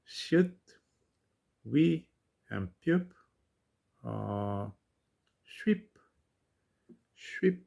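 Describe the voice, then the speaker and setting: A man giving an informal language lesson, thinking aloud haltingly as he reads out syllables and works through exercises. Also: fairly low pitch, vocal fry, darkish tone.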